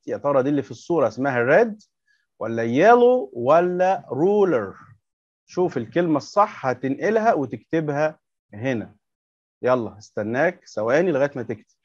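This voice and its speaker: A mid-range male voice with an Egyptian Arabic accent explains a workbook lesson step by step, teaching young kids English words through patient repetition and questions. The audio is dull with no echo.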